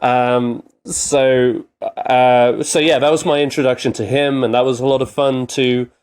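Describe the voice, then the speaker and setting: A man's voice: medium pitch, fairly even intonation, darkish tone, clean tone. Rambling man chatting on a podcast. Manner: rambling, halting with many fillers. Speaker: podcast co-host. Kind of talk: casual chat.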